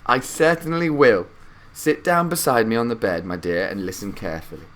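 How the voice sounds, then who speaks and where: A man voicing an excitable, adoring grandfather in his nineties in a children's story, with emphatic delivery. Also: medium pitch, normal speed, a little hiss or hum, lightly acted. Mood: surprised, eager. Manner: emphatic, exclamatory.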